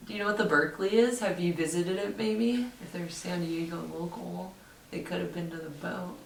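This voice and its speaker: Low-voiced woman ghost-hunting in a roomy space. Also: steady tone, normal speed, creaky, faint music behind. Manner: swears in disbelief. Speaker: paranormal investigation vlogger. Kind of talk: casual ghost-hunt vlog chat. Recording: roomy, distant mic, faint noise.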